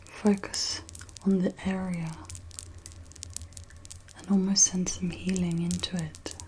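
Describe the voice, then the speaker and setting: A woman gives a gentle, reassuring whispered pep talk as guided ASMR relaxation, in a soft breathy whisper with pauses. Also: lowish voice, flat delivery, a little hiss or hum, rough recording. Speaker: ASMR host guiding relaxation.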